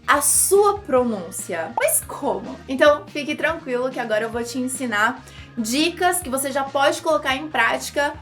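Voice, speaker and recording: Upbeat high-voiced woman teaching English. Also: animated, normal speed, fairly bright tone, soft background music. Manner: upbeat, chatty, acts out examples in funny voices. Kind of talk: YouTube English lesson.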